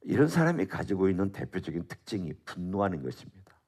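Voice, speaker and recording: A man's voice: deep voice, sing-song, fast talker, darkish tone. A middle-aged male pastor giving an expository Bible sermon at a dawn prayer service, talking conversationally and asking his listeners questions. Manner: conversational preaching with rhetorical questions.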